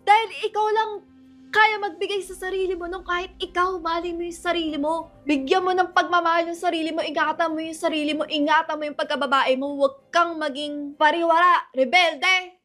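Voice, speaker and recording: A woman in a staged family clip, yelling and cursing, then lecturing sternly. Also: very high voice, fairly even intonation, fairly quick, faint music behind. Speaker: vlogger.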